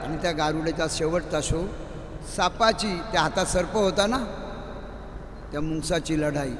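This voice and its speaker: A man with a Marathi accent preaching a devotional sermon, telling stories and swinging between shouting and quiet questions to the audience. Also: fairly high pitch, moderate pace, noisy background. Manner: animated, rising to shouts and dropping to quiet asides, questions to the audience. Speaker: kirtan preacher. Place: large hall at a memorial gathering. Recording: echoey hall with faint ambience.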